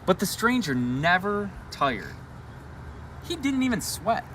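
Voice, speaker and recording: An elementary school teacher, a man with an animated voice, reads a bedtime storybook aloud at night from a school rooftop, where faint traffic drifts up from below. His pitch swings widely and his delivery is expressive. He keeps pausing the story to make asides and ask his listeners questions.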